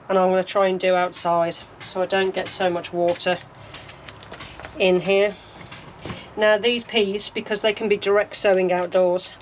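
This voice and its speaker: A woman's voice: medium pitch, a little hiss or hum. A woman from the UK narrating her allotment sowing as she works, chatty and practical, thinking aloud. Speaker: gardening vlogger. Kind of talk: casual narration while working. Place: allotment greenhouse.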